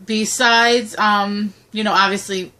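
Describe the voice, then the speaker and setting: A woman's voice: medium pitch, steady tone, takes it slowly, sharp tone. A woman in her thirties chatting casually, rambling with many fillers and restarts as she answers questions. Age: 30s. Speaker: co-host. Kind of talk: casual chat.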